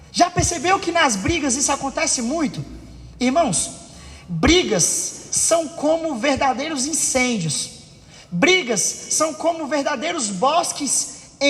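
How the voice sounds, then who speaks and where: A man's voice: very high-pitched, a bit bright. A man preaching a sermon in church, acting out family arguments and asking the congregation for agreement. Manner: acts out family quarrels with raised voice. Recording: long reverb of a church hall.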